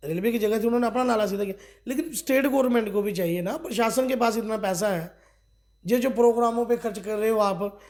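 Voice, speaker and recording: High-voiced middle-aged man complaining forcefully. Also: fast talker. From Kathua, Jammu and Kashmir. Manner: forceful complaining, rhetorical questions. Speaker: district party official. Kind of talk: local news interview.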